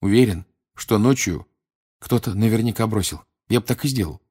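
Guy doing a quiet teen boy, musing, kinda low. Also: normal speed, breathy edge. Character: thoughtful teenage boy wizard.

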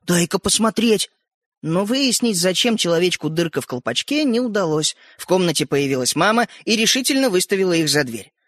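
A man narrating a children's story in an expressive, animated way. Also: sits high, brisk, few pauses, no echo, clean studio sound.

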